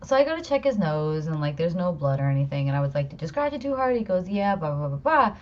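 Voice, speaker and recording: Co-host, woman with a lowish voice, swears freely, muffled lo-fi sound. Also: fast. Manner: profane, lively storyteller. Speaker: podcast co-host. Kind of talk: casual chat. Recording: muffled lo-fi audio.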